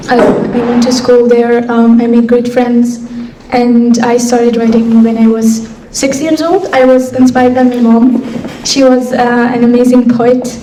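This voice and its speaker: A young woman from Afghanistan answers interview questions in a soft, reflective way, pausing often. Her voice sits a little high and stays flat, with a mellow, darker tone. It is picked up from a distance in an echoey hall with a faint hiss behind it. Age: young adult. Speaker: guest speaker. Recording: echoey hall, voice from far off mic, faint noise.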